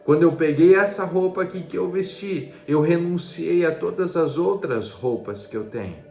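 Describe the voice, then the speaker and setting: A man's voice: fairly high pitch, moderate pace, gravelly. A man preaching a devotional sermon, earnest and urging, asking the listener rhetorical questions. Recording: roomy with soft music behind. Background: soft background music.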